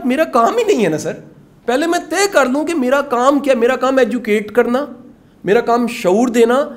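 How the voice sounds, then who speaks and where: Teaching a course to a classroom of participants, this middle-aged motivational speaker with a Punjabi accent speaks earnestly and insistently, mixing in English phrases. His pitch is a little high for a man.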